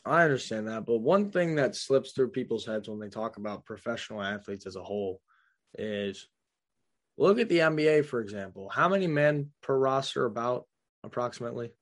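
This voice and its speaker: A young man co-hosting a casual sports podcast, heated and swearing, swinging from low mumbles to loud rants. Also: expressive, fairly quick. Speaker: podcast co-host.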